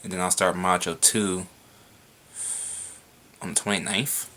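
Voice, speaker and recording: A man's voice: deep voice, little pitch movement, unhurried, sharp tone. A young man answering viewer questions in a casual vlog, rambling with frequent swearing and laughs.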